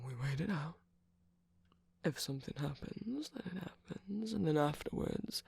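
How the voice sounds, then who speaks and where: In a romantic ASMR roleplay, a performer gives full character voice to a flirtatious, teasing male villain's minion. The mid-range voice is a little mellow, husky, and breathy, delivered coyly and haltingly with frequent drops into whispers.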